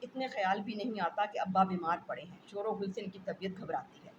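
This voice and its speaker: Sharp-tongued scolding housewife, threatening and fed up, read by a woman, middle pitch, slight background noise. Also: expressive, fairly quick, highs cut off, close to an everyday voice.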